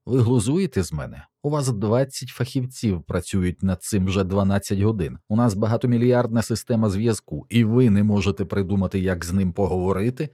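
Man reading as weary mission director, earnest, deep dark voice. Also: a little fast, hardly any pauses, breathy edge, dry recording, studio quality.

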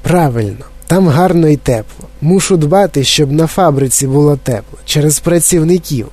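A man voicing an eccentric, excitable male chocolate-factory owner who speaks in a high, clear, flute-like voice and gushes with delight. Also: moderate pace, close to an everyday voice. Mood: gushing, excited. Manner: effusive, bubbling with excitement. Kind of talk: audiobook character voice.

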